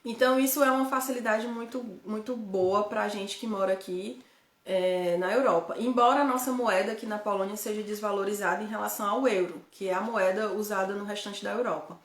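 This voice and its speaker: In a casual live chat, a host from Ceará, Brazil, who works as a guide abroad, talks to viewers with a Northeastern Brazilian accent. Her medium-pitched voice is a little fast with fairly even intonation, and the room is reverberant. She is chatty, fixes herself as she goes, and often ends sentences with tag questions.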